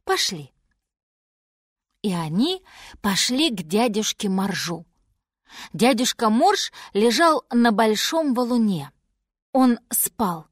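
Woman reading a fairy tale, lively pitch, slow pace, dry close sound. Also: no echo. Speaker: audiobook narrator. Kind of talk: scripted fairy-tale narration.

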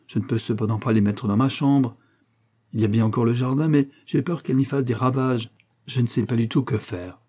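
A man's voice: mid-range voice, brisk, warm tone, close to an everyday voice. A man reading an audiobook and voicing a fretful, whimpering male butler who pleads and frets. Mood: plaintive. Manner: plaintive and pleading.

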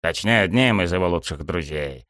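A man voicing a loud, pushy, eccentric old male baseball coach in an audiobook, bellowing and overbearing. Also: low voice, animated, normal speed, no room sound, studio quality. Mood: dreamy. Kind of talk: audiobook character voice.

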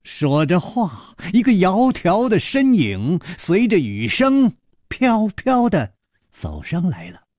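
A male storyteller with an expressive, measured delivery. He speaks slowly, his pitch swinging widely. The sound is close and dry. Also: dry recording. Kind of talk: Chinese storytelling narration.

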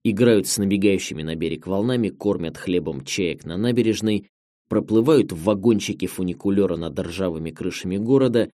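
A man narrating a memoir audiobook in a measured, expressive storytelling manner, recorded on a close studio mic. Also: low voice, dry recording.

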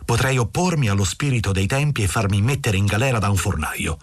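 A man voicing a weary, cynical old school principal who speaks slowly and paternally. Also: lowish voice, expressive, no echo, clean studio sound. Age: older. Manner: slow, measured, paternal.

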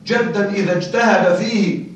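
A man teaching a classroom lesson, questioning his listeners often and slowing down to spell out word forms. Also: sits high, fairly even intonation, heavy reverb, recorded from a distance, rough recording. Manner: checks on listeners with frequent questions; slow and deliberate when spelling out word forms. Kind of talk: classroom lecture on Arabic grammar.

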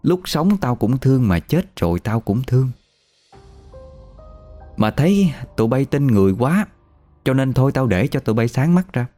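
A man's voice: mid-range voice, sing-song, moderate pace, long pauses, dark tone, faint music behind, close to an everyday voice. A man voicing a scornful old male ghost who scolds bluntly. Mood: scolding.

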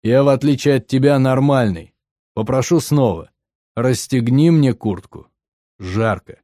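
A man's voice: medium pitch, a little slow, dark tone, no room sound, studio quality, natural voice. A man voicing a cheerful, reckless young man who teases in a raised, jaunty voice. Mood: cheeky.

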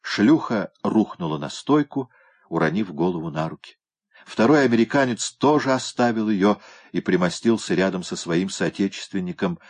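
A man narrating an audiobook in a steady, even storytelling manner. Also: fairly low pitch, husky.

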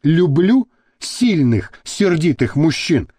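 Guy doing a coquettish young model lady, high and swooping, slow. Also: sing-song, dark tone, husky, dry recording, clean studio sound, heavily acted. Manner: chirping, coquettish.

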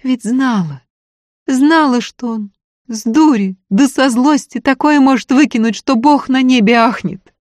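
A woman's voice: medium pitch, normal speed, darkish tone, no echo, voice pushed up, natural voice. A woman voicing a tearful, self-blaming young peasant woman who talks in plaintive, folksy village speech. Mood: sobbing, self-reproach.

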